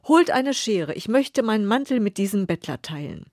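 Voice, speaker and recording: A woman voicing a proud, stingy, grumpy king who talks loudly and indignantly. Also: mid-range voice, expressive, moderate pace, dry recording, clean studio sound, natural voice. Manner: loud, indignant, blustering.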